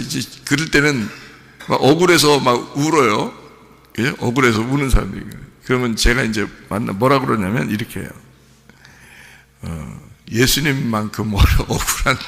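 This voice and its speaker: A male pastor preaching in a church sanctuary, his voice heavily gravelly and forceful. He talks in an animated way, repeats his phrases and keeps asking the congregation questions. A long hall reverb trails after every line. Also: medium pitch. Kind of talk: sermon.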